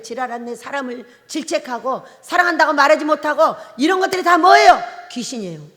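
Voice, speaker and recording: A woman pastor from Jeolla Province, South Korea, preaches a sermon in a prayer retreat chapel, her high voice pushed and bright. She speaks emphatically, firing rhetorical questions at the congregation, and the large hall gives a long reverb.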